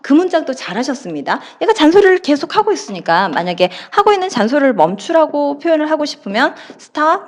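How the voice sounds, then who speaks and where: A woman's voice: high voice, big pitch swings, fast talker, few pauses. A woman with a Korean accent teaching an English lesson, explaining step by step and acting out short dialogue lines. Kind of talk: recorded classroom lecture.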